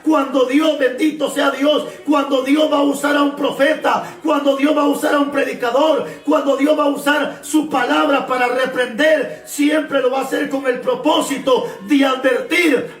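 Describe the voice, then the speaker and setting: High-voiced guy shouting a sermon, far off in an echoey room. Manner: fervent, repeats phrases, often shouts. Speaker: preacher. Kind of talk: shouted Pentecostal-style sermon.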